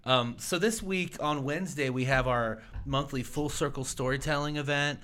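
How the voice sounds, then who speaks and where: A man's voice: medium pitch, normal speed, a bit bright. A man co-hosting a casual podcast, running through upcoming local events in a chatty, rambling way.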